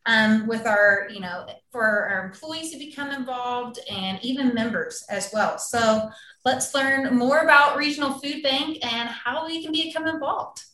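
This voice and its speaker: A woman's voice: a little high, measured pace, sharp tone. A woman co-hosting, speaking enthusiastically in a promotional tone. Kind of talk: scripted promotional talk. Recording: echoey room.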